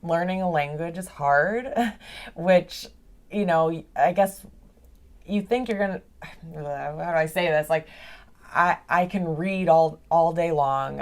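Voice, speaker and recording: Heard through a video call, a young adult woman guests on a podcast in a casual interview chat. Her low voice has a darkish tone, and she talks chattily, laughs a lot, and fills her speech with "like."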